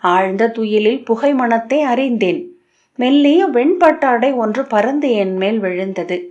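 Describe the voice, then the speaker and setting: A woman's voice: on the high side, animated, a little slow, a little mellow. A woman reading the lines of a dazed young male disciple, who recounts a strange night in a bewildered, dreamlike way, on a dull lo-fi recording. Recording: dull lo-fi audio.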